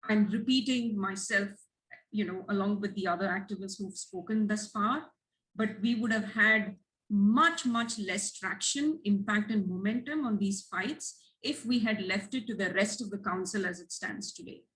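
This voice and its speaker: A woman's voice: medium pitch, normal speed, a bit bright, rough recording. A woman activist giving earnest, emphatic prepared remarks as a guest on a livestream. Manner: earnest, emphatic, listing points.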